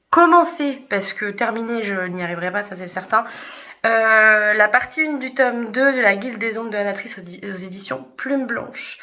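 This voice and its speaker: A woman's voice: a little high, sharp tone. A young woman chatting casually in a book vlog, hesitant with many fillers. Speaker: book vlogger.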